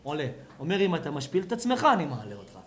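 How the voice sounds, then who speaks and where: A man, a rabbi, giving an animated sermon at a home gathering, asking the audience questions and acting out voices. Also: a little high, slight background noise. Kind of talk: lively sermon at a house blessing.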